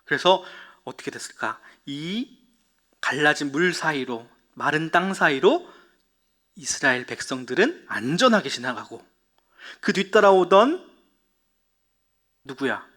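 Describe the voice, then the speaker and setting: A man giving a children's sermon as a Sunday school preacher, telling a story, asking the children questions and answering them himself, and dropping to a hushed whisper at dramatic moments. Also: on the high side, very animated, measured pace, long pauses.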